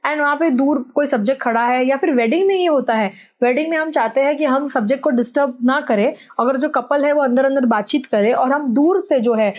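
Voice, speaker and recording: A woman's voice: high voice, a little fast, hardly any pauses. A young woman chatting casually as she reviews a microphone, explaining things step by step and mixing English phrases into her talk, recorded on a lapel mic indoors. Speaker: content creator reviewing a microphone. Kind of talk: casual product review vlog. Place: indoor room with fan and AC running. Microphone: wireless lapel mic.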